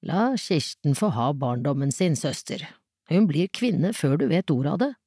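Narrator doing a wise old aunt, calm, gentle, mellow. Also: mid-range voice, no room sound, clean studio sound. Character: wise grey-haired older aunt.

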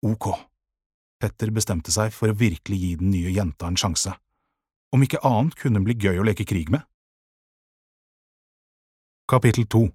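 Husky male audiobook narrator. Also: fairly low pitch, dry recording, studio quality. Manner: calm, measured storytelling.

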